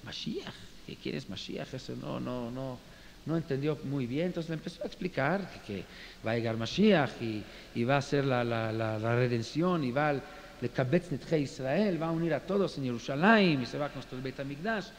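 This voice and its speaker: Man, rabbi lecture, animated storytelling, faint hiss. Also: mid-range voice, normal speed. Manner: animated, with frequent fillers and restarts. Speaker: rabbi teaching. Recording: reverberant room with faint hiss.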